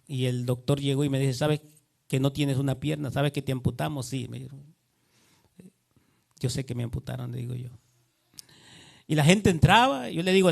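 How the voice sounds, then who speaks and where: A man giving an earnest testimony sermon, often repeating himself and quoting others in dialogue. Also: a little high. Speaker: preacher.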